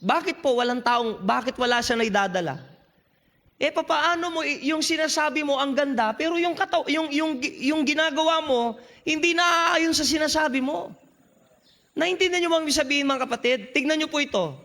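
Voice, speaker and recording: Guy preaching at youth camp, really high voice, keeps asking the crowd questions, big echoey hall. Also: normal speed, bright, forceful tone. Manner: emphatic preaching with frequent rhetorical questions to the audience. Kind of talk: sermon. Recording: long reverb of a large hall.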